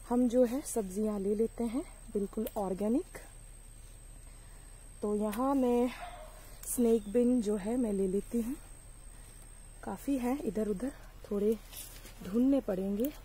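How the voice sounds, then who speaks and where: Her voice is fairly high and warm, caught with slight background noise and poor audio on a handheld phone. A young woman gives a casual vlog tour of her sunny outdoor vegetable garden, treating viewers as friends and using plenty of fillers while the sun and mosquitoes bother her.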